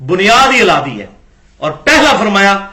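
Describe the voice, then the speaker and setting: Guy lecturing on religion, high sharp voice, keeps firing rhetorical questions. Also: sing-song. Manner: argumentative, rhetorical questions, acts out quoted dialogue.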